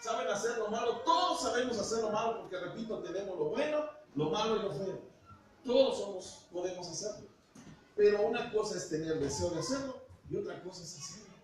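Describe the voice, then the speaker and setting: A man's voice: sits high, animated, brisk. A middle-aged Mexican man preaching a sermon as pastor, talking to the congregation like a conversation and asking them questions. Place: church hall. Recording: echoey hall, from far off, noisy.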